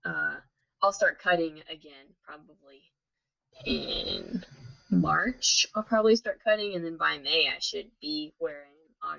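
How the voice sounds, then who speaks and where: A woman's voice: deep voice, fairly bright tone. A woman co-hosting a podcast, chatting casually with lots of "like" fillers. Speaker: podcast co-host. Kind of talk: casual chat. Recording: dull lo-fi sound.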